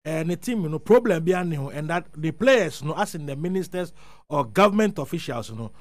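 A man's voice: a little high, animated, brisk, dry recording. A middle-aged Ghanaian man hosting a radio interview in a conversational style on a studio microphone. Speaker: radio host. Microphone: studio broadcast microphone with headphones.

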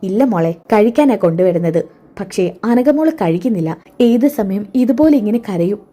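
A woman's voice: medium pitch, lively intonation, moderate pace, dark tone, lightly acted. A woman voicing an older housemaid who frets and speaks with motherly affection. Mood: worried. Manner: fussing, affectionate, calls her "child".

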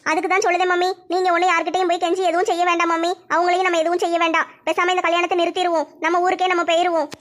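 A woman plays a crying young bride-to-be who pleads and whines. Her voice is very high and quick, with a flat tune. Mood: tearful. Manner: whiny, pleading. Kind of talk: comedy skit.

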